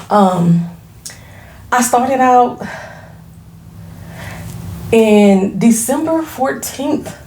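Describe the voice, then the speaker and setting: Woman in her forties, self-made business owner, home vlog, frank and chatty, creaky voice in an echoey room. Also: medium pitch, dark tone, slight background noise. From Florida. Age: 40s. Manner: chatty, laughing, frank, slangy. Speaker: small business owner vlogging. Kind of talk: casual chat to camera. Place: her home, products on shelves behind.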